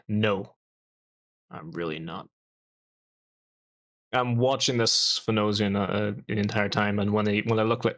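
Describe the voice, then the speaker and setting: A man's voice: fairly low pitch, a bit bright. A man playing a tabletop game, mixing table talk with in-character lines as a soldier reporting in. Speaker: player. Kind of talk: casual tabletop play, partly in character.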